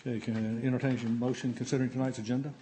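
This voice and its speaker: A man chairing a city council meeting as mayor, running through the procedure in a brisk, matter-of-fact way. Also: medium pitch, little pitch movement, dark tone, slight background noise.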